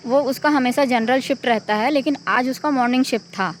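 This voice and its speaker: Distressed high-voiced middle-aged woman. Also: a little fast, slight background noise. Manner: pleading, repetitive, urgent. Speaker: victim's mother giving an interview. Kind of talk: distressed eyewitness account.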